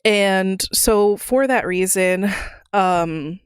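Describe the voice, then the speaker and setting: A woman's voice: medium pitch, very slow, clear, resonant tone, dry recording, studio quality. A woman livestreamer talking casually to her viewers, rambling with many fillers and restarts into a desk microphone at home. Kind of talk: casual live-stream chat.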